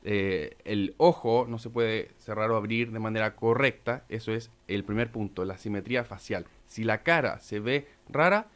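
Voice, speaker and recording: Calm methodical doctor. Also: male voice, on the low side. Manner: calm, methodical explainer with filler pauses. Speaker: physician guest. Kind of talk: explanatory radio talk.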